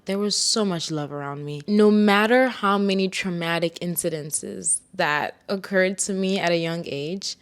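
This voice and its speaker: A young woman from Ghana hosts a solo podcast, talking candidly about her own life. Her voice sits a little low for a woman. She reflects openly and now and then hypes herself up with a playful grin. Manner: candid, reflective storytelling with bursts of playful self-hype. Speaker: podcast host.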